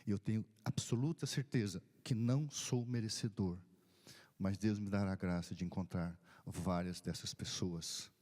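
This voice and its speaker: Husky low-voiced preacher telling a story. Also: male voice, steady tone, normal speed, dark tone. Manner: retells dialogue, drops to whispers and rises in bursts. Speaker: pastor. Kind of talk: sermon storytelling.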